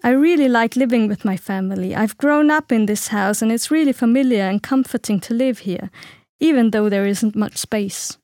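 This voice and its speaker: Young woman, from Sri Lanka, fairly high voice, dry close recording, calm scripted lesson reading. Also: normal speed, dry recording. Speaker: speaker in a listening exercise. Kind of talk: scripted first-person narration.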